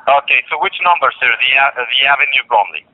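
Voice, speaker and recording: A man's voice: medium pitch, quick pace. A man on a phone call politely but insistently asking for personal details, saying "sir" and spelling back letters. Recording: dull phone line.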